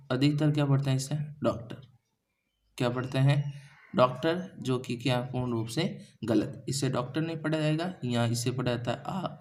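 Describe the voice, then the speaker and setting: A man from India with a Hindi accent teaching an English class, often asking the students a question and then answering it himself. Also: medium pitch. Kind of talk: classroom lesson explaining grammar and pronunciation.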